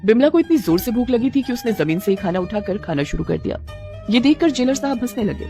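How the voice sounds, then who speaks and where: A woman narrating a scripted moral cartoon story with expressive storytelling. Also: fairly high pitch, a little fast, music in the background.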